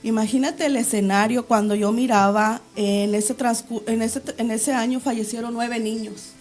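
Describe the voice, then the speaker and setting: A woman with a high voice tells her religious testimony as a guest on an interview show. She speaks with fervor and reenacts her pleas to God aloud. She sounds middle-aged. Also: steady tone, normal speed, a little mellow, faint music behind.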